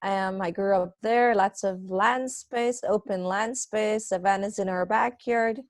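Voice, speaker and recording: A woman's voice: medium pitch, fairly even intonation, measured pace, no room sound. A middle-aged woman from Guyana, a guest talking about recycling in a friendly, chatty way on a live video call.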